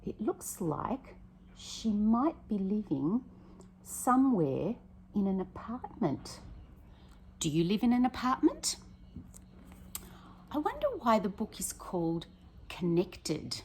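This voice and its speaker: Taking it slowly and pausing often, this woman reads a picture book to children in a slightly husky, medium-pitched voice. She's a primary school teacher, expressive and quick to pose questions to her listeners, with a little hiss or hum in the background.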